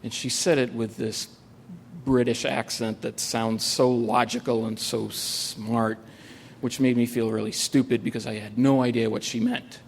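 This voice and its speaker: A man's voice: mid-range voice, little pitch movement, unhurried, vocal fry, slight background noise. Wry man telling a story. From United States. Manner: wry, dry humor with frequent "uh" fillers. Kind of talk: live stage storytelling. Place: stage at a live story event.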